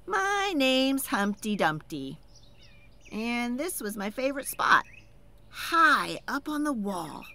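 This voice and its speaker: A woman reads a children's picture book aloud, voicing its first-person narration with animated expression, soft laughs and sighs. Her voice is a little high and she takes it slowly, telling the story expressively.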